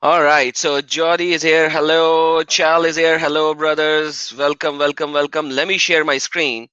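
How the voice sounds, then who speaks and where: A man hosting a casual live stream, enthusiastic and quick to laugh. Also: fairly high pitch, level tone, pushed and bright, clean tone, dry recording. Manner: upbeat, enthusiastic, laughs often. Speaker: livestream host. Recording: dry, dull lo-fi stream audio.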